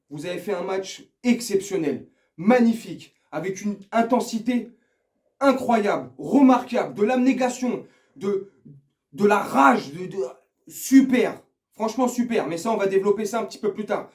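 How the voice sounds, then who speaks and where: High-voiced guy ranting about football, crude and jokey, echoey room. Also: a little mellow. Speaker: football fan youtuber. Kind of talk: angry casual match debrief.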